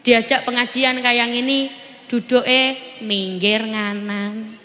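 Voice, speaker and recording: High, bright Javanese woman preaching. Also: steady tone, slow, big-room sound, slight background noise. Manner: playful, chatty, quizzes the audience. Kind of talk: humorous sermon at a religious gathering. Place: on stage at a large gathering.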